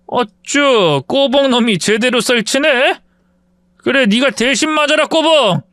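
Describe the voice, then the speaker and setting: Male narrator voices a sneering, whiny young bully, pitched up. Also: animated, a little slow, fairly bright tone, dry recording, studio quality, heavily acted. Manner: sneering, whining.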